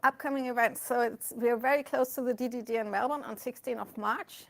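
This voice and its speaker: Addressing a live audience, with an online stream running too, a woman hosts a meetup, casually welcoming attendees and sharing announcements. She talks briskly in a slightly high, steady, creaky voice that's a bit bright.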